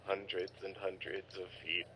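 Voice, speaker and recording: A man's voice: low-pitched, flat delivery, normal speed, bright, forceful tone, slight background noise. A man playing a tabletop role-playing game, easygoing and chatting casually with friends. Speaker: player. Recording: dull, lo-fi home recording.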